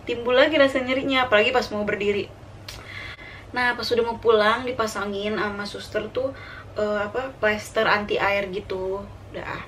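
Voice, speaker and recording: A young Indonesian woman vlogger telling a personal story in a chatty, confiding way, her voice climbing high and anxious as she relives the worst moments. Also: a bit bright. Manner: chatty and confiding, turns high and panicky when reliving the scare. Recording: slightly distant mic with faint room noise.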